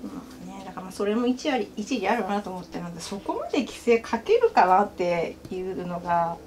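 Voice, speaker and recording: Woman massage therapist, casual chat, animated intonation, laughs often, faint background hiss. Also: mid-range voice, a little fast. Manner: chatty, laughs often, trails off softly.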